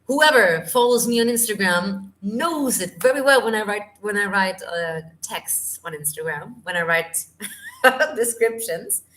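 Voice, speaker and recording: A woman's voice: medium pitch, lively intonation, measured pace, a bit bright. A woman vocal coach, tired, chatting through a live Q&A and hunting for English words. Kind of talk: live stream Q&A. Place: home.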